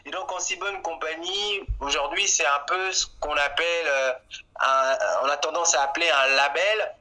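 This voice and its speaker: Man, 20s, Gabonese French accent, very bright tone, polite, self-deprecating, hesitant, tinny phone line. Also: on the high side, fairly even intonation, moderate pace. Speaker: interview guest, arts entrepreneur. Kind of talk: phone interview.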